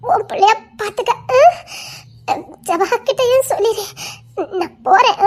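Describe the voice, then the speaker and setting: A woman with a very high voice performs a whole family drama alone. She shifts between frightened, pleading and stern characters, and her lines break into laughter and tears. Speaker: storyteller voicing every character. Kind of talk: scripted Tamil family audio drama.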